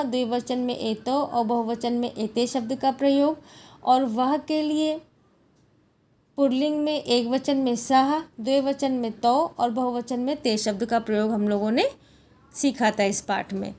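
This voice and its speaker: A woman teaching Sanskrit, working through textbook exercises and glossing each word slowly and patiently. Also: high-pitched, steady tone, darkish tone, slight background noise.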